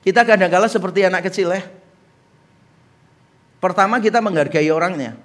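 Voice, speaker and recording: Speaking high and fairly quick, a middle-aged pastor animates his sermon in a church hall by acting out small dialogues and trading jokes with the congregation.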